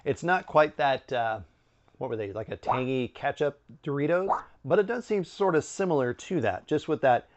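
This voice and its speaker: A middle-aged man giving a casual product review to camera, conversational, with musing pauses and asides. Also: mid-range voice, lively intonation, muffled recording. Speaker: snack review video host. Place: indoor room with bookshelves.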